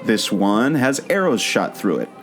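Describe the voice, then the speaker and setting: Plucked guitar music backs this man's lowish, measured voice, which rises and falls widely. He is a podcast co-host and one-time theme park skipper, performing a scripted audio play where he earnestly unravels a mystery, guiding the listener like a storyteller.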